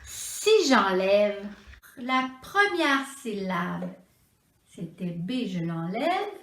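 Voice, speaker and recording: Québécoise teacher lady, super slow, bouncy lively pitch, spells out syllables for little kids. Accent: Quebec French. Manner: sounds out syllables slowly and clearly, sing-song. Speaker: preschool teacher. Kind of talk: slow, deliberate teaching for young children. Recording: echoey room.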